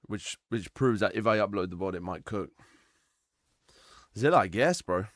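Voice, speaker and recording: A man's voice: lowish voice, normal speed, dry recording, studio quality. A young man chatting casually with his live-stream viewers, easygoing and talkative, calling out names from chat. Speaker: livestreamer.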